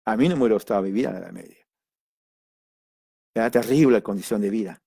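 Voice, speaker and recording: A man's voice: fairly low pitch, quick pace, creaky, dark tone, husky, dry recording. A man giving an informal Bible study lesson, talking conversationally and addressing listeners directly, with emphatic asides. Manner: emphatic asides and sudden exclamations. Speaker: Bible teacher.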